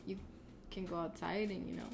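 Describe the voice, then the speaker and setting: A woman's voice: lowish voice, level tone, a little fast, creaky, a crowd in the background. A laid-back woman co-hosting a casual podcast, with a stuffy nose and sore throat from a cold. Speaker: podcast co-host.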